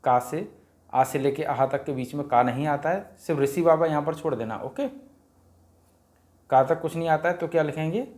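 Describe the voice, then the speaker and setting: A man's voice: on the high side, moderate pace, darkish tone. Man drilling vowels in a lesson. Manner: repetitive sing-song vowel drilling, asks and answers himself. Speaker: teacher explaining a worksheet. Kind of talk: Hindi grammar lesson for parents.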